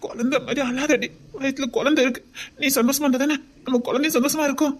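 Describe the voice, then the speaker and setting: A woman's voice: high voice, fairly even intonation, fast talker, lightly acted. A woman with a Tirunelveli Tamil accent voicing a doting young husband and father-to-be, tender and pleading, often near a whisper. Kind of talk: homemade web drama.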